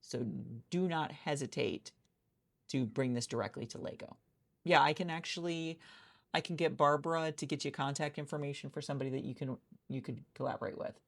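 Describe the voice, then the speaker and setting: This is a low-pitched woman with a gravelly creak, improvising a conversational ASMR roleplay in which she plays a job interviewer. Her phrasing comes out halting.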